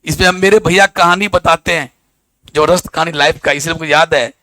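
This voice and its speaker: High-voiced, lively teacher. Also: male voice, brisk, dry recording. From Bihar, India. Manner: animated storytelling, acts out dialogue in local dialect. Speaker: biology teacher. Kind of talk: classroom lecture with anecdotes.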